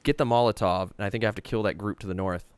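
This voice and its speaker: A man's voice: fairly low pitch, steady tone, very fast, clear, resonant tone, no echo. A man hosting a board game stream, playful and teasing his guest. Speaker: host. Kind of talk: casual chat while playing a board game.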